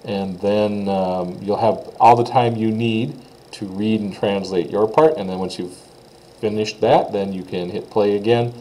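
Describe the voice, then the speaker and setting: A man's voice: lowish voice, steady tone, unhurried, warm tone, a little hiss or hum, low-quality recording. A man teaching a casual recorded French lesson, talking informally with frequent "uh" fillers.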